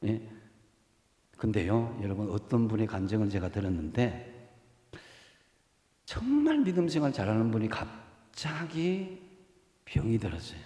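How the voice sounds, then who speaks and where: Man, pastor, animated pitch, roomy church echo. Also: measured pace, long pauses. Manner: lively, conversational preaching with questions to the congregation. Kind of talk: sermon. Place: church sanctuary. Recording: echoey church hall reverb.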